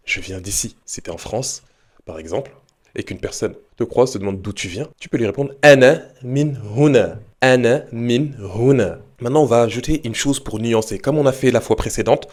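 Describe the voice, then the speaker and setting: A man teaching a beginners' Arabic lesson, speaking slowly and patiently, repeating each word for listeners to say after him. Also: mid-range voice, a little mellow. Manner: slow, patient repetition of words, asking listeners to repeat.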